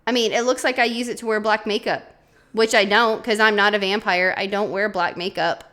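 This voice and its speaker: A woman vlogging casually as she demonstrates a task, chatty and animated, with dramatic exclamations. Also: medium pitch, a little fast. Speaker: beauty vlogger.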